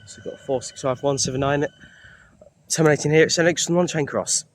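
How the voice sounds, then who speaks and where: A man's voice: a little high, fairly quick. A man giving casual trainspotting commentary in brief, clipped remarks, calling out numbers. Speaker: trainspotting vlogger. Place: railway station platforms. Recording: very noisy outdoor railway recording. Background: loud trains and station ambience.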